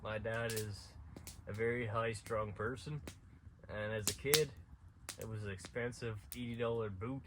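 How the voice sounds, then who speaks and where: A man's voice: on the low side, steady tone, normal speed, very noisy. Rambling man from Saskatchewan, outdoors. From central Saskatchewan, Canada. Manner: rambling, with restarts and chuckles. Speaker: outdoor vlogger. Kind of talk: casual storytelling. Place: outdoors at night at an abandoned school.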